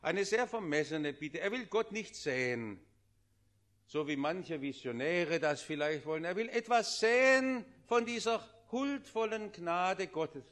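A man preaching a sermon, swinging between loud, fervent pleading and hushed, intimate passages. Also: high-pitched, expressive, unhurried.

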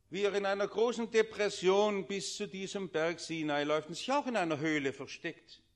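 A man preaching a sermon, swinging between loud, fervent pleading and hushed, intimate passages. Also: sits high.

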